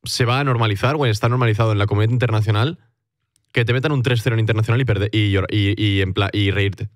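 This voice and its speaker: A man's voice: on the low side, dry recording, studio quality. A man from chatting on an esports podcast, searching for words and restarting mid-sentence. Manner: quick, searching, trails off and restarts. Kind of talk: casual esports podcast chat.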